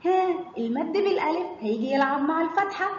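A woman with an Egyptian Arabic accent teaching children to read, stretching out syllables slowly and quizzing them with questions. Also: very high voice, expressive, darkish tone, slight background noise. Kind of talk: children's phonics lesson. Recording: echoey hall, slightly dull sound.

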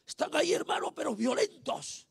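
A man with a Peruvian Spanish accent preaching a fiery evangelistic sermon, shouting and breaking in with praise exclamations over and over. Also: very high-pitched, big pitch swings, moderate pace, gravelly, no room sound, studio quality. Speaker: street preacher.

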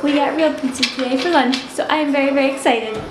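Giggly young mom with a very high voice. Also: female voice, fast, noisy background. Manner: giggly, baby talk to her daughter. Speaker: vlogger, mother. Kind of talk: casual family vlog chat.

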